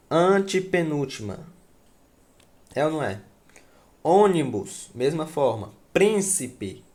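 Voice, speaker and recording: A man teaches grammar at an unhurried pace, repeating key words and often pausing to ask whether his students follow. His voice sits a little higher than most men's. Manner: slow, repeats words and asks "certo?". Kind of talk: grammar lesson at a board.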